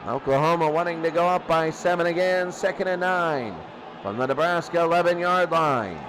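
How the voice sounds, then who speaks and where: Amid crowd noise and poor audio quality, a football play-by-play announcer with a slightly high voice speaks at a moderate pace. He fires off short, clipped, excitable calls and frequently repeats himself.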